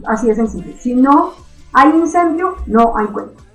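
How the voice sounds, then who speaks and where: Lady teaching an online class, keeps asking "right?", high voice, echoey room. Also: animated, normal speed, faint music behind. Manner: questioning, checks understanding with "¿cierto?" and "¿listo?".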